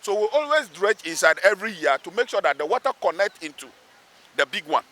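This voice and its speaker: A high, sing-song voice, a bit bright and fairly quick, belongs to a Ghanaian-accented man speaking as a local assemblyman. Interviewed outdoors beside a road underpass, he pleads his cause emphatically, repeating phrases for weight.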